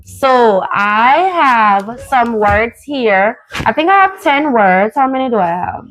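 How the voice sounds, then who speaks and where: A woman from Jamaica hosts a casual conversation in a Jamaican accent. She talks in a relaxed, chatty way and fills pauses with ums. Her voice sits a little high. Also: a little hiss or hum, low-quality recording. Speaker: host.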